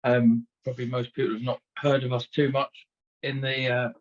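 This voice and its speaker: A man's voice: mid-range voice, flat delivery, normal speed. A man introducing himself as a panelist, hedging with many ums, on muffled call audio.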